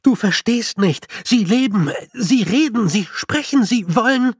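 A man's voice: sits high, animated, measured pace, slightly rough, no room sound, clean studio sound, pitched above the performer's own voice, heavily acted. A man voicing a frantic young male con man, agitated and breathless. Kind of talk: audiobook character voice.

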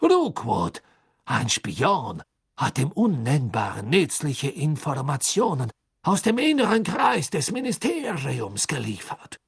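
A man's voice: on the high side, huge pitch swings, takes it slowly, creaky, slightly rough, no room sound, studio quality, pitched above the performer's own voice, exaggerated voice. A man voicing a panicked middle-aged male prisoner who pleads and cries out in desperation. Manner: desperate, pleading, breaking into shouts.

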